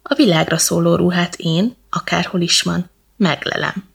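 Storybook talking cat, gentle and clever, husky and gravelly, read by a woman. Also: lowish voice.

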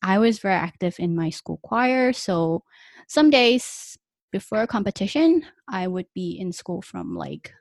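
In a relaxed conversational interview, a young woman from Malaysia, a native Malay speaker, talks chattily with frequent fillers and small laughs. Her medium-pitched voice moves in a lively way at a slightly slow pace, with no room sound audible.

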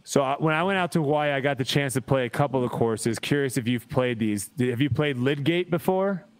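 Young male host, smooth clear voice, chatty and upbeat. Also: mid-range voice. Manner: chatty, upbeat, quick bursts. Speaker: podcast host. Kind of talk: casual podcast interview.

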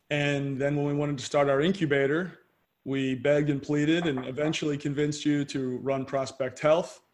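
Man, podcast host, friendly, conversational, slightly high voice. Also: a little mellow. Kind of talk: podcast interview.

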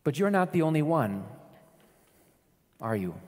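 A man preaching a sermon as pastor, earnest, rising to loud calls and dropping to soft pleas. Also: a little high, very animated, unhurried, long reverb tail.

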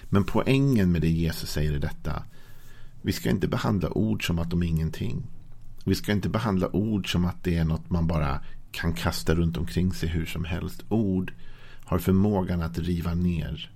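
A male pastor giving a gentle, conversational devotional sermon that speaks directly to the listener. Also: low-pitched, creaky.

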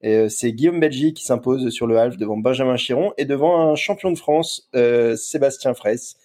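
A man's voice: medium pitch, moderate pace, warm tone. A man co-hosting a podcast, talking in a rambling way and repeating words. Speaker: podcast co-host. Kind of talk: casual podcast chat.

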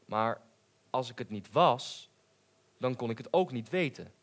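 A man voicing a small, anxious male cricket in a spoken storybook, talking softly and hesitantly. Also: mid-range voice, animated, a little slow. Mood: pondering. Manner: soft, hesitant, apologetic.

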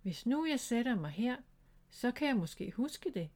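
Lady reading as a sleepy little critter boy from a kids' storybook, slow and dreamy, keeps forgetting stuff. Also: fairly high pitch, very animated, darkish tone, voice pushed up. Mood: sleepy wondering. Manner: drowsy, slow, wondering.

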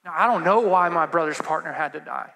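A man preaching a sermon in a casual, conversational way, dropping to a hush and then rising to fervent emphasis. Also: fairly high pitch, quick pace, a little hiss or hum. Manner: swings from hushed to fervent emphasis. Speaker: pastor. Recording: long hall reverb.

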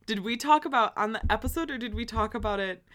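A woman's voice: on the high side, fast talker, a bit bright, a little hiss or hum. A young woman co-hosting a podcast, chatting playfully, laughing and swearing often. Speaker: podcast co-host. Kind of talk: casual chat.

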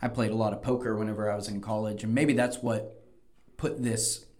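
A podcast host and debate coach talks conversationally, explaining his points and offering encouraging, coach-like advice. His voice is fairly low and a little mellow, with fairly even intonation and a slightly fast pace.

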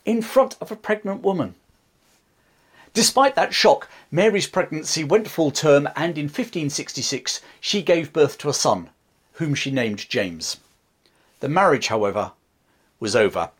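Lively man telling history. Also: a little high, unhurried, husky. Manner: dramatic storytelling with chatty asides. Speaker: history channel host. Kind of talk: history storytelling to camera.

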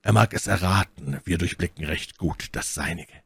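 Guy doing a cool grave musketeer, deep low voice, measured and calm, dry audiobook sound. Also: vocal fry, breathy edge, no echo, heavily acted.

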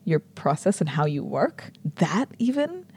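Low gravelly New woman. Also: very animated, a little slow, darkish tone, a little hiss or hum. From New Zealand. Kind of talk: casual conversation.

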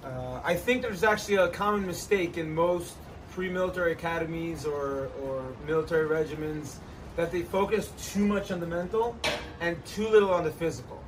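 Man, high voice, energetic coach, outdoors, slightly distant mic, faint noise. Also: moderate pace. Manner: energetic, joking, emphatic. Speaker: host, trainer. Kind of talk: casual chat and coaching advice. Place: outdoors by an ice bath.

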